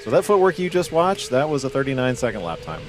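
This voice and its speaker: A man hosting and commenting live kart racing from an announcer booth on a headset, talking in a relaxed, chatty way. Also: mid-range voice, fast talker, faint music behind. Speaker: race commentator and host. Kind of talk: live race commentary and interview.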